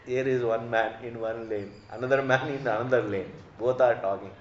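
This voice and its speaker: A man's voice: mid-range voice, fairly even intonation, moderate pace, slight background noise. A man with an Indian accent giving a religious discourse as a spiritual teacher, didactic and emphatic, repeating phrases and posing rhetorical questions. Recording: echoey room, slightly dull sound.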